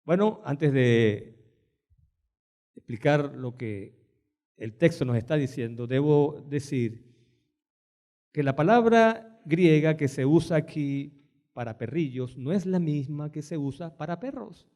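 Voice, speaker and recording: A man preaching a sermon, dramatic and questioning, dropping soft then rising loud and slow for quoted words. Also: a little high, animated. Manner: asks the listeners many questions. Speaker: pastor.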